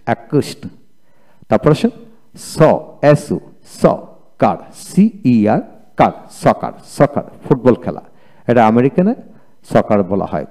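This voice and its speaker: A man from Bangladesh, teaching an English video lecture, repeating each word slowly and spelling it out letter by letter. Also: mid-range voice, dark tone.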